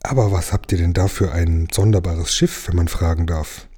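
A man voicing a tiny, curious mermaid girl in a high, soft voice, reading a storybook aloud. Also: steady tone, moderate pace, slightly rough.

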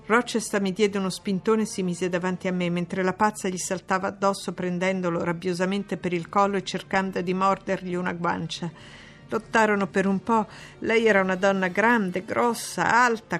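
An Italian woman reading a classic novel aloud in a measured, steady narration. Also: medium pitch, faint music behind. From Italy. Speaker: audiobook reader. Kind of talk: literary audiobook narration.

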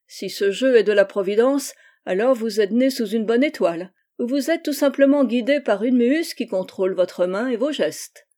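Female reader as a courteous German-accented inspector, suave and formal, mellow voice. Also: fairly high pitch, moderate pace, few pauses, lightly acted. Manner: courteous, flattering. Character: German Gestapo inspector, man, polite, smooth-talking.

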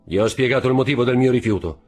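A man's voice: medium pitch, quick pace, breathy edge, soft background music, pitched above the performer's own voice, lightly acted. A man reading an audiobook, voicing an earnest, hopeful young sailor who speaks eagerly and respectfully.

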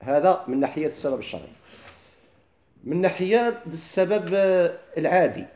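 A middle-aged man with a Moroccan accent, teaching a classroom lesson. He keeps asking his listeners quick questions and then answers them himself. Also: on the high side, lively intonation, a little mellow, roomy sound. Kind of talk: classroom lesson explaining legal theory.

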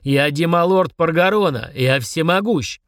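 A man voicing a haughty, short-tempered male demon lord who roars and sneers at mortals in a slow, booming manner. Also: animated, dry recording, studio quality, natural voice. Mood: roaring. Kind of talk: audiobook character voice.

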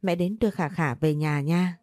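A woman's voice: lowish voice, normal speed, darkish tone, no echo, studio quality, soft background music, close to an everyday voice. Woman voicing a desperate pleading mother. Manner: pleading, urgent. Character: desperate protective young mother.

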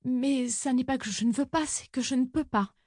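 A posh lady who once looked down on everyone, now plaintive and tearful, voiced by a woman reading an audiobook. Her pleas ride high and thin, in a dry, close recording. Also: normal speed, darkish tone, no room sound. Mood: flustered. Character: whimpering upper-class woman, haughty turned pleading.

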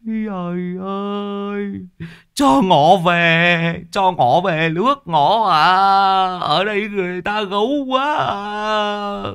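A pitiful old foreign fortune-teller, voiced by a man, whining in broken speech. His words are stretched out very slowly in a high, wavering voice. He sounds miserable and pleading. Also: fairly bright tone, clear, resonant tone, full character voice. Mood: wailing.

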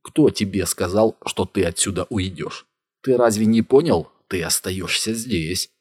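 A man voicing a calm, controlling man who gives cold commands in an audiobook. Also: low-pitched, measured pace, husky. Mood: menacing.

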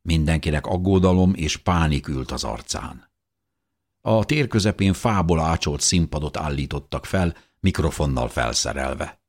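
A man narrating a first-person audiobook in an earnest, measured way. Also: a bass voice, animated, breathy edge.

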